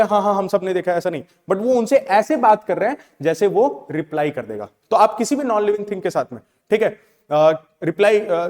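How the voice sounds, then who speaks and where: A young man teaching a class, explaining in Hindi mixed with English, often checking in with "theek hai" and reading English definitions slowly. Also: high-pitched, a little mellow. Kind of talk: classroom lecture. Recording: reverberant room.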